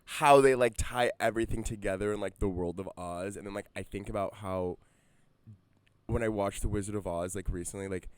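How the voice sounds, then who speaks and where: A young man co-hosting a casual podcast, his voice sitting a bit low. He talks in a loose, joking way, heavy on slang. The sound is close and dry with no room around it. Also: fairly quick, clean tone, no room sound. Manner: laid-back, joking, slangy. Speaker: podcast co-host. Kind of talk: casual chat.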